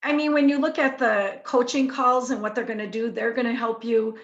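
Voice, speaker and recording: Creaky-voiced woman on a muffled call. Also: on the high side, fairly even intonation, a little fast. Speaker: call participant. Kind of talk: casual chat on group call. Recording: muffled, band-limited online call.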